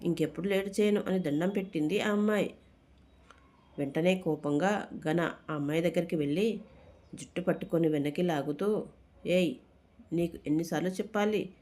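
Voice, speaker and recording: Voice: mid-range voice, moderate pace, long pauses, darkish tone. A storyteller reading a dramatic storybook tale aloud. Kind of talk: scripted storybook narration.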